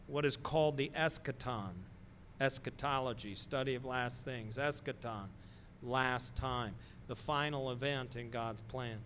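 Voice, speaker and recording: A middle-aged man preaching a sermon in a slow, deliberate way, pausing often and stressing key words. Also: mid-range voice, a bit bright, a little hiss or hum. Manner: slow, deliberate delivery with pauses and emphatic stresses. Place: church sanctuary, speaking from a wooden pulpit.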